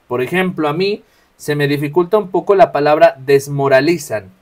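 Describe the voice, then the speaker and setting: A man's voice: on the high side, moderate pace, darkish tone. A man, teaching a workshop on reading scripture aloud at Mass, explaining step by step and often checking in with his listeners. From Mexico. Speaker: lector trainer.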